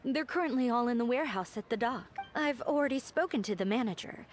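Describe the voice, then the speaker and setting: A woman playing a polite young artisan in a video game, speaking in a courteous, measured way. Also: on the high side, lively intonation, soft background music, close to an everyday voice.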